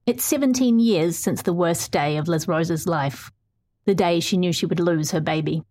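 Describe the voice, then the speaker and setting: A middle-aged woman reporter reads her own feature story in a measured, clear way, after answering interview questions with a few hesitant restarts. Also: fairly low pitch, darkish tone.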